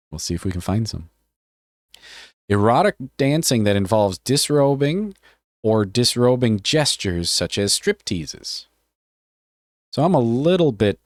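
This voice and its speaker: A man's voice: lowish voice, dry recording, clean studio sound. A man streaming live, reading a policy aloud and joking casually with his chat, often swearing. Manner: joking, offhand, swears freely.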